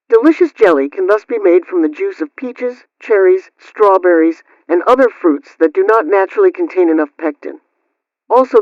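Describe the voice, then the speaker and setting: A high-voiced man, recorded dry, delivers scripted household advice as a radio host, formal and instructional with careful enunciation, in a question-then-answer format. The sound is dull and lo-fi, like old radio.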